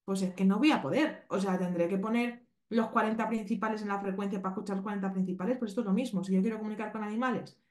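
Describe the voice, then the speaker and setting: A woman from Spain with a Spanish accent explains a podcast lesson, pausing to check in with her listeners. Her voice sits at a middle pitch, and a roomy echo hangs around it. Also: fairly even intonation, a little mellow. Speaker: animal communication teacher.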